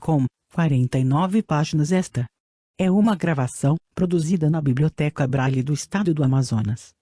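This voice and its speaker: A man's voice: a little high, moderate pace, no echo, studio quality. A synthesized text-to-speech man's voice with a Brazilian accent, reading scripted reference material in a mechanical audiobook manner. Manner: mechanical, flat screen-reader delivery that reads punctuation aloud. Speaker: audiobook narrator.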